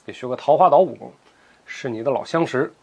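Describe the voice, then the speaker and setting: A man voicing a cold, aloof older male martial master who speaks low and measured. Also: breathy edge.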